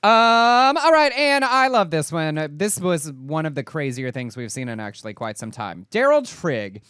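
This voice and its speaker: A man co-hosting a chat show, running through news stories with wry, deadpan remarks. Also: fairly high pitch, moderate pace, clean tone, no room sound, clean studio sound. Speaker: co-host.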